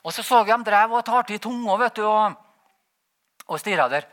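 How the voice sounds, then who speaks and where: A man giving a rambling, animated personal testimony, laughing as he tells it. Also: high voice. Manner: animated, rambling, frequent "vet du" tag; laughs while telling. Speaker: testimony speaker.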